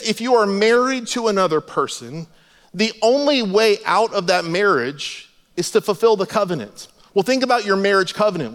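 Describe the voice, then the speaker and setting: A man's voice: high-pitched, a bit bright, long reverb tail. A man preaching a sermon, telling a humorous personal story and acting out the dialogue in a conversational way. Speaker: pastor. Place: church sanctuary.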